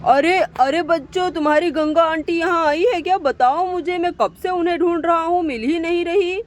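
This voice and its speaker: A woman voicing an abusive, hot-tempered village husband in a doll story, threatening and blustering. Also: moderate pace. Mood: menacing. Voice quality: high-pitched woman's voice.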